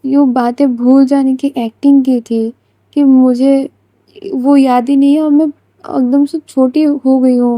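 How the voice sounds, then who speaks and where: A soft-spoken young woman with a hesitant, pleading way of talking, as a woman storyteller puts her on. Her voice sits high and very mellow, close and dry in a storybook telling. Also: no room sound. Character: young woman, playful then guilty.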